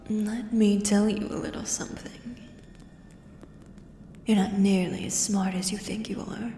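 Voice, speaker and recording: Woman as a slow, menacing beast, ASMR role-play. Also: mid-range voice, steady tone, dark tone, close to an everyday voice. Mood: amused, probing. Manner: slow, predatory, taunting beast-man drawl. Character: menacing female axe-wielding beast hunting an adventurer. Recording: echoey cavern-like reverb, audible background noise.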